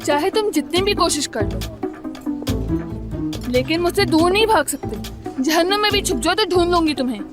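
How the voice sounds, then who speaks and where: An actress dubbing a possessive young wife in a TV drama, scolding and threatening in a forceful way. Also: female voice, very high voice, lively intonation, normal speed, pauses often. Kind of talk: dubbed TV drama acting. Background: background score music.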